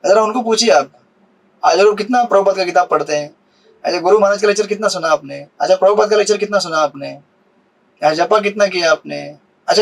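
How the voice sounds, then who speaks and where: A man's voice: sits high, poor audio. A man giving a sermon on scripture, asking his listeners questions and mixing English words into his Hindi. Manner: asks the audience questions, mixes English words. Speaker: spiritual teacher.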